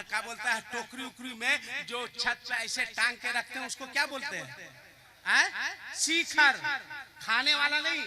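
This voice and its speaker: Male preacher, sermon storytelling, very high voice, dramatic shouting, crowd behind.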